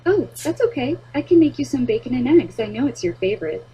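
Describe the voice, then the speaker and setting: Falsely sweet, cheerful mother, voiced by the female narrator for an animated story. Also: a little high, fast, slight background noise, low-quality recording. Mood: cheery.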